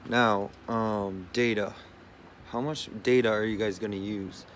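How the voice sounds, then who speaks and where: A man's voice: lowish voice, steady tone, unhurried, slight background noise. A man casually talking through his tech setup while filming from behind the camera, loose and full of fillers. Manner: loose, filler-heavy explaining. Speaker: tech vlogger. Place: cluttered room full of phones and routers.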